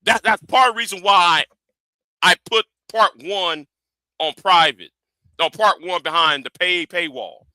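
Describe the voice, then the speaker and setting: Man, informal livestream host, high pitch, very bright forceful tone, stammering repeated phrase openings. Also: a little slow, no echo, low-quality recording.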